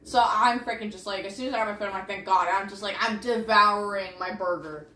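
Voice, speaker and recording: A young woman co-hosting a casual chat podcast, ranting excitedly with lots of "like" fillers. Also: medium pitch, fast talker. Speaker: podcast co-host. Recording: echoey room with faint hiss.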